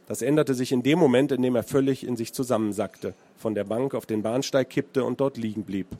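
A crime author from Hesse, Germany, reads from his novel and then answers questions, using many hesitant fillers. His mid-range voice is warm and a little fast.

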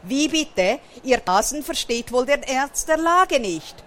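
A woman's voice: sits high, animated, fairly bright tone, exaggerated voice. A woman playing Elvis, a wailing cockatiel. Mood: lamenting. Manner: lamenting, theatrical, hurried. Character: fretful male cockatiel, dramatic and wailing. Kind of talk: read-aloud storybook.

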